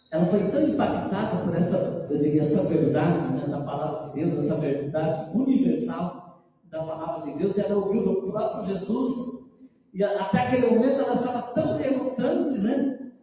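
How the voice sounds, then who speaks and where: Pastor guy preaching, high voice but really dark mellow tone, echoey church heard from far off. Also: dull audio. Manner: preaching earnestly, retelling scripture with dramatic pauses. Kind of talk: sermon. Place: church sanctuary.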